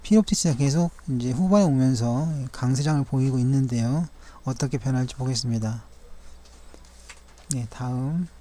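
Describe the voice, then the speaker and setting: A man narrating a daily stock chart review in a measured, formal and polite way, pausing with fillers and correcting himself as he goes. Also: mid-range voice, warm tone, a little hiss or hum.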